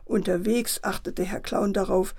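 Female storyteller, bedtime tale for kids, touch of fry in the voice. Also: medium pitch, normal speed. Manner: lively voicing of quoted characters. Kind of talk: children's bedtime story reading.

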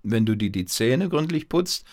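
A man voicing a cheerful, teasing old grandmother in a bedtime storybook reading, with a bright, lilting manner. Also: medium pitch, expressive, moderate pace, close to an everyday voice.

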